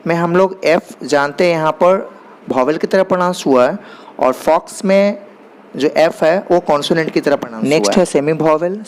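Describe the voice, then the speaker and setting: A man teaching basic grammar, explaining in Hindi and reading definitions slowly and deliberately. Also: a little high, darkish tone, slight background noise. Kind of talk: explanatory lesson.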